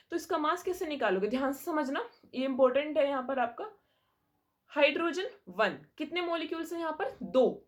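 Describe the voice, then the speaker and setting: Young woman, science teacher, patient explainer, slightly high pitch. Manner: patient, explanatory, mixes in English terms and checks understanding. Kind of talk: classroom lesson explaining chemistry.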